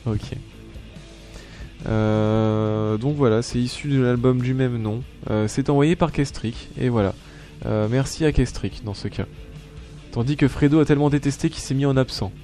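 A man's voice: medium pitch, moderate pace, warm tone, faint music behind. Hesitant man hosting a casual radio show. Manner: hesitant, many filler sounds and restarts. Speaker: web radio host. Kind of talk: casual live radio chat between songs.

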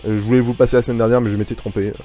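A man hosts a live web radio show into a studio microphone, his voice mellow and dark. He rambles and pokes fun at himself, full of hesitations. A faint music bed plays under his talk. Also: mid-range voice, little pitch movement, very fast. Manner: rambling, self-mocking, lots of hesitations. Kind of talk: casual live radio chat.

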